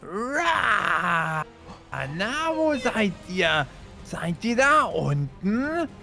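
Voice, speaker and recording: A man's voice: high-pitched, very animated, drawn-out words, gravelly, sharp tone, soft background music, heavily acted. A man voicing a huge, angry male ape monster in a game role-play, growling threats and whining when hurt. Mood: gloating.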